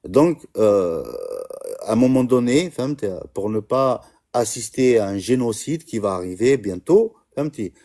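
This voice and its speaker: A man from Algeria with a Constantine accent, speaking in an impassioned live-stream monologue, halting and full of fillers. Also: on the low side, dark tone. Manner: halting, many "euh" fillers, mixing Arabic and French. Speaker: diaspora activist on a live stream.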